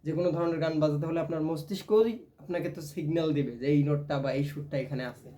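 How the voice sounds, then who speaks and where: A man's voice: a little high, very fast. A man teaching a casual ukulele lesson, explaining step by step and often checking in with "right?". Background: ukulele playing.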